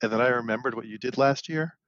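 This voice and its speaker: A man's voice: mid-range voice, fast talker, fairly bright tone, dry recording, muffled recording. A man in his forties co-hosting a podcast, chatting casually with dry jokes. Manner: joking, dry asides. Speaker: podcast co-host. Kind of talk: casual chat.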